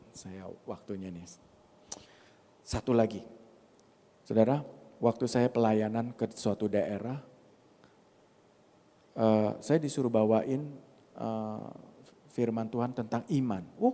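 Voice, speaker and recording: A man preaching a sermon, telling personal testimony in an animated way and often turning to address the congregation directly. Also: lowish voice. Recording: long hall reverb.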